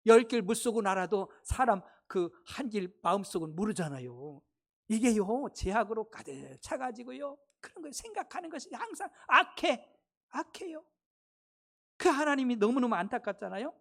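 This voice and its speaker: A man preaching a sermon in a church, talking in a conversational style with rhetorical questions, swinging between loud exclamations and hushed asides. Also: high-pitched. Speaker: pastor. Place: church sanctuary.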